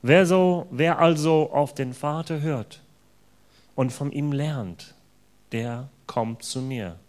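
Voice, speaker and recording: A man preaching a sermon in an earnest, emphatic way, stressing words with sudden loud bursts. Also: a little high, slow.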